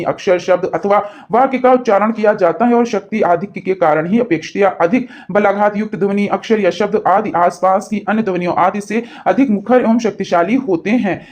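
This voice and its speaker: A man with a fairly high voice teaches an exam-prep lesson. He works through each answer step by step and keeps checking in with his students. He corrects his own slips as he goes. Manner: self-corrects mid-answer.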